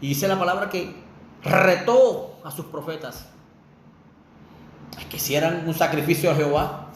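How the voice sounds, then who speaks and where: A man preaching with fervor, his voice sitting high for a man. He keeps turning to his listeners with pointed rhetorical questions. The sermon rings through a roomy, echoey space with a faint hiss behind it. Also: measured pace. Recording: echoey room with faint noise.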